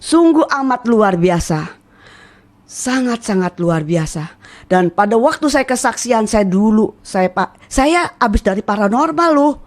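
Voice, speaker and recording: A woman giving a church testimony about her past as a shaman, telling it in a lively way and acting out the people she quotes. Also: fairly high pitch, a little slow. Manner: animated storytelling, acting out quoted voices.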